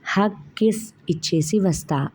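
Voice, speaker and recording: A woman's voice: medium pitch, a little slow, a little mellow, slight background noise, voice pushed up, natural voice. A woman voicing a young grandson who is tearful and earnest, speaking in a childlike, pleading way. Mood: eager. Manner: pleading, childlike, sobbing undertone.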